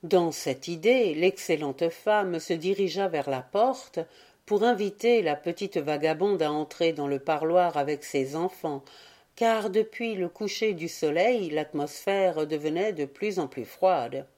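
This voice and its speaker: A woman reads a fairy tale aloud in a gently expressive storybook manner. She takes her time over every phrase. Her tone is mellow and warm. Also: fairly low pitch, a little slow. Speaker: audiobook reader. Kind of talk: scripted storybook narration.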